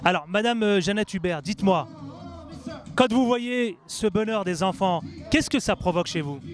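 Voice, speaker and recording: A man's voice: sits high, lively intonation, moderate pace. A man presenting and interviewing on location as a television reporter, in emphatic short phrases. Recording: faint music behind.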